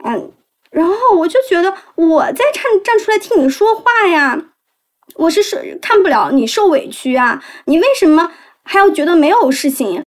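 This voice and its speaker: A young woman telling a painful personal story, halting and emotional with many restarts. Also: very high-pitched, lively intonation.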